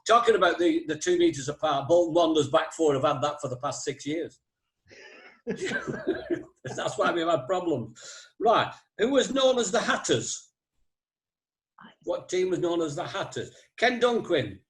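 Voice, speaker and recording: Jokey quiz host, fairly high voice. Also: male voice, big pitch swings, a little slow. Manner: jokey, teasing quiz master. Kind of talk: casual quiz chat on a video call. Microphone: video call.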